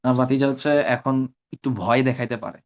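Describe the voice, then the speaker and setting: A man leads an online Arabic pronunciation class, repeating syllables and coaching students by name. His voice is mid-pitched. The call audio sounds a little muffled. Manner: drills sounds slowly, corrects students by name. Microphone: video call.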